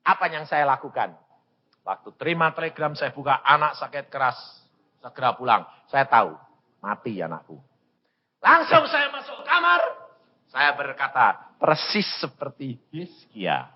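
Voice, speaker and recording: A man's voice: fairly high pitch, a little slow, breathy edge, dull audio. A man, telling a personal testimony in a sermon and acting out the dialogue as he goes. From Central Java, Indonesia. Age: 80s. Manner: animated storyteller who acts out dialogues. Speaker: evangelist preacher.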